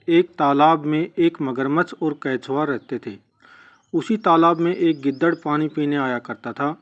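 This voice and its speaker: A man narrating a children's fable in a plain, steady storytelling manner, in a dull lo-fi recording. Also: a little high.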